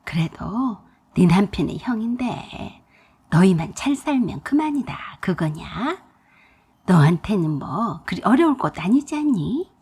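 Pushy older mother-in-law, put on by a woman storyteller: low scolding hush, breathy edge. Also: very animated, a little slow, heavily acted. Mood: coaxing.

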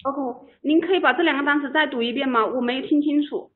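A woman's voice: high voice, fast talker. Patient woman teaching English over a call. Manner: patient, repeats words for students. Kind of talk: online English lesson. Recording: tinny online call audio.

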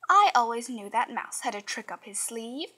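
A woman's voice: fairly high pitch, animated, normal speed, sharp tone, husky, exaggerated voice. A woman voicing a stern little old lady in a storybook, scolding and matter-of-fact.

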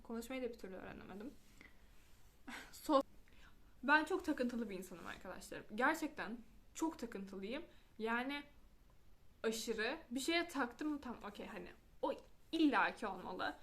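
A young woman talking casually to camera in a vlog, chatty and self-mocking, often restarting her words. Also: fairly high pitch. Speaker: vlogger. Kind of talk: casual confessional chat to camera.

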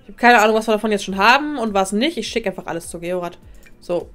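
A woman's voice: medium pitch, animated, quick pace, fairly bright tone, soft background music. A woman casually commenting while she streams a life-sim game, thanking viewers and talking to her characters, a little sniffly with a cold.

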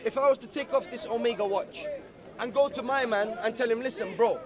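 A man's voice: extremely high pitch, fairly quick. A young man, arguing in street slang and pressing the same questions over and over outdoors. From Iraq. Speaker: visitor debating. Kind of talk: heated street debate. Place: outdoor park among a crowd. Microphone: clip-on lapel mics. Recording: busy crowd chatter behind.

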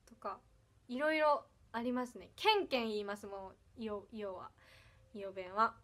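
A woman's voice: on the high side, normal speed, fairly bright tone. A young woman from Ehime speaking with an Iyo dialect mixed with some Kansai, chatting casually on a livestream, giggly and thanking viewers one by one. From Ehime, Japan. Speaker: idol livestreamer. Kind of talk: casual livestream chat reading comments.

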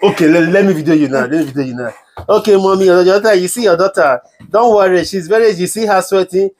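A man's voice: high-pitched, quick pace, a little mellow. A young man with a Nigerian accent plays an exasperated husband in a comedy skit, scolding and complaining. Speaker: skit actor playing the husband.

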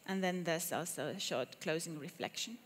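With a lowish voice at normal speed, a Finnish-accented woman from Finland presents a conference workshop in English to an audience in a conference room. She comes across friendly and hesitant, using fillers and restarts, in a reverberant hall with faint background noise.

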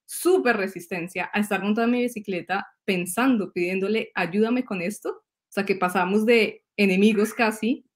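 At home indoors, a Colombian woman in her thirties hosts a casual spiritual talk on a video call webcam, working as an astrologer and speaking with a Colombian Spanish accent. She uses a mid-range voice at a moderate pace, telling stories animatedly, often laughing and repeating words.

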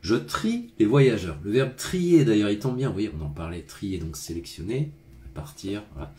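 A man's voice: on the low side, sing-song, normal speed, mellow. A man hosting a live French lesson, chatting and stopping to explain vocabulary. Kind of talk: casual live lesson and reading.

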